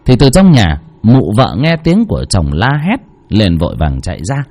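A man reading a Vietnamese ghost story aloud in a dramatic, expressive storytelling voice. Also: on the low side, moderate pace, soft background music. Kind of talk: scripted horror story narration.

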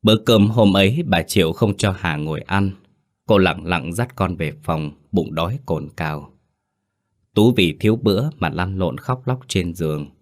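A man narrating a dark folk tale in a solemn, dramatic storytelling manner. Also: low voice, moderate pace.

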